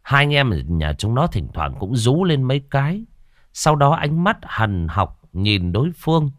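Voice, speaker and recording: A man narrating a horror story in a dramatic, expressive way. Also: mid-range voice, a little slow, dry recording, studio quality.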